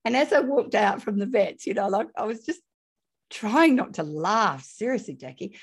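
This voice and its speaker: A woman, a guest expert telling a lively classroom anecdote and acting out the children's lines. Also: medium pitch, normal speed, husky. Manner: lively, acts out quoted voices. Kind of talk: casual anecdotal storytelling.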